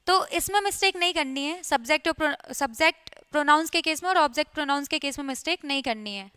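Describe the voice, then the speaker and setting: Bright high-voiced woman teacher. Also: fast talker. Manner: repetitive, checks in with listeners. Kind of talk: exam-prep classroom lecture.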